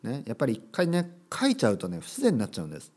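Speaking rapid-fire at medium pitch, he swoops his pitch wildly, and his voice is a little mellow and slightly rough. He's a man running a casual solo podcast for people learning Japanese, thinking aloud and sprinkling tag words through his sentences. For short sample dialogues, he shifts into a livelier delivery.

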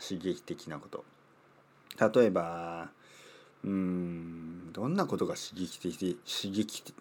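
A man's voice: on the low side, husky. Playful rambling male podcast host. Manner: playful and rambling, repeats words while thinking aloud. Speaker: podcast host teaching Japanese. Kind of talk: casual solo podcast talk.

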